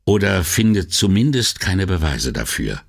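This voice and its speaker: A man's voice: low voice, big pitch swings, measured pace, gravelly, heavily acted. A man voicing a tired, earnest middle-aged police detective in an audiobook. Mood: weary.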